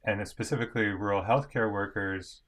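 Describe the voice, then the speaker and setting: A man from the United States with a very deep voice speaks as an interview guest. He talks thoughtfully, pausing and restarting as he explains his reporting. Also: fairly even intonation, a bit bright. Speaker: photojournalist.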